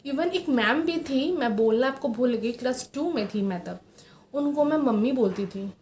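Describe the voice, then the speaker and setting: Soft-spoken young woman in an echoey room. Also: high-pitched, animated, moderate pace. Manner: soft, hesitant storytelling with many fillers. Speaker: vlogger. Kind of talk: personal confessional vlog. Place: room at home. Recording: roomy echo, faint background hiss.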